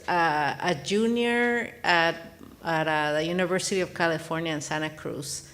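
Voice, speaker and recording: A Mexican woman who speaks Spanish natively appears as an author guest on a live panel, talking earnestly and reflectively with frequent restarts. Her voice is lowish with a fairly bright tone.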